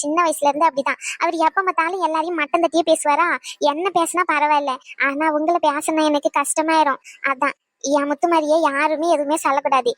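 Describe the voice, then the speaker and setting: Lady doing a giggly young wife in a cartoon, high voice, fast. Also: a bit bright, no echo. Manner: coaxing, playful, giggly. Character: cheerful pregnant young wife, teasing and loving. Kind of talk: cartoon voice acting.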